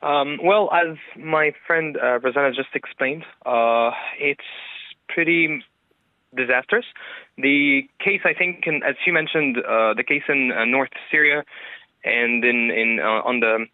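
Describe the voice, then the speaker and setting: A man's voice: mid-range voice, unhurried, no echo. A man calling in to a radio interview, a cafe owner, speaking hesitantly and searching for words. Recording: phone line, lo-fi.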